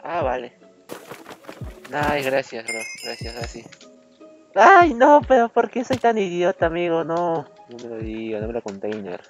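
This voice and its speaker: A man's voice: on the high side, very animated, a little slow, soft background music. A man doing joking gameplay commentary as a streamer, his voice run through autotune that makes it sound robotic. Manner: playful, cursing, often laughing. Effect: autotune giving a robotic voice. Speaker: gaming streamer.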